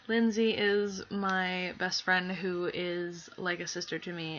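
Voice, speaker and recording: Young woman streamer, scratchy throat from a cold, giggly and rambling, lowish pitch, muffled lo-fi sound. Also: pushed and bright. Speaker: live streamer. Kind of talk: casual live-stream chat. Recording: dull lo-fi stream audio.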